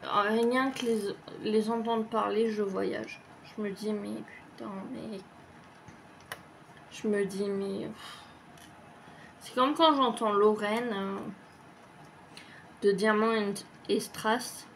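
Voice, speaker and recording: A woman's voice: medium pitch, fairly even intonation, slow pace, gravelly, pauses often, a little hiss or hum. A woman vlogger chatting casually as she answers tag questions, rambling and hesitant with lots of fillers and the odd swear word. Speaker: craft vlogger.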